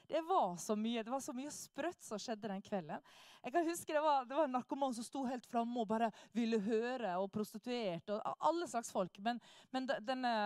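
A woman tells a church testimony in a lively, animated way and acts out the people she quotes. Her voice sits a little high. The sound is dry and close, with no room echo. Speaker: speaker sharing a testimony. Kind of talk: lively personal storytelling.

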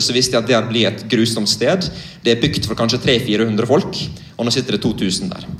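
A young man from Norway gives a sermon as a gripping personal story, speaking directly and earnestly. His voice sits a little low. The hall around him adds a roomy echo. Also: a bit bright. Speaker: preacher. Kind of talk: sermon testimony.

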